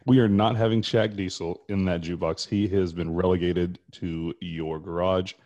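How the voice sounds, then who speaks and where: A man's voice: sits low, fairly even intonation, a little slow, a little mellow. An American man co-hosting a podcast in casual, chatty banter. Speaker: podcast co-host.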